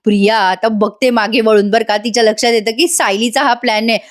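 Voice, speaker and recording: A woman's voice: a little high, steady tone, a little fast. A woman narrating a voice-over recap of a TV serial, chatting directly with viewers. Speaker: TV serial reviewer.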